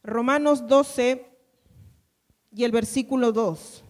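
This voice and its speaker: A woman's voice: a little high, slow pace, darkish tone. A woman pastor giving an emphatic sermon, repeating phrases and having the congregation say lines back. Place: church. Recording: long hall reverb.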